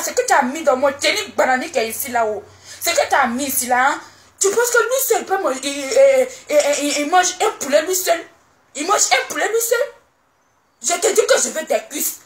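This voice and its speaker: A young woman playing a moody, demanding pregnant wife in a comedy sketch, scolding with rapid-fire questions. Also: high voice, a bit bright. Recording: echoey room.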